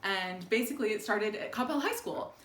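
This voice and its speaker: A Texas woman in her forties, an alumna sharing her story, chats casually to a camera held by her husband in the kitchen of an old English house. Her medium-pitched voice is expressive, brisk and a bit bright, with frequent ums and easy laughs, and the sound is roomy.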